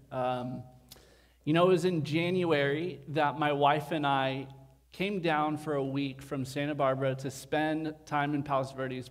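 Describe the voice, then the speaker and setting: A male pastor giving a casual, conversational sermon in a church, his voice sounding like it comes from an echoing tunnel over the speakers. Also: a little high. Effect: echoing tunnel-like sound through the church speakers. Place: church building. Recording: echoey hall sound.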